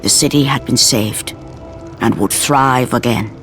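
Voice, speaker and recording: A man's voice: mid-range voice, measured pace, a bit bright, faint music behind. Man narrating grave epic story. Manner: grave and dramatic. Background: orchestral score.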